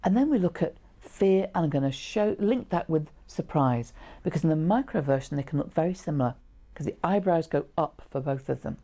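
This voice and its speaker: A middle-aged woman teaches in an informal, conversational style. Her voice sits low and has a mellow tone with plenty of creak. She explains each point plainly, as if chatting to a small class. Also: expressive, a little fast, few pauses. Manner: explanatory, conversational, with short illustrative asides. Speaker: trainer teaching how to read facial expressions. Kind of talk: informal instructional presentation to camera. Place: small indoor room, seated.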